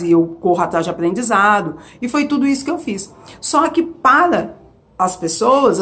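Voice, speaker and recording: A Brazilian woman vlogger telling a personal story in a casual, expressive way, full of emphatic asides and rhetorical questions. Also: medium pitch. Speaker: vlogger sharing her caregiving experience.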